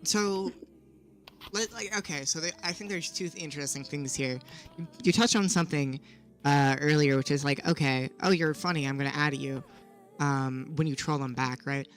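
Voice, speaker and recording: A speaker with a measured, thoughtful manner, hedging claims and posing questions to steer the discussion. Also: medium pitch. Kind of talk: casual discussion. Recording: faint music behind.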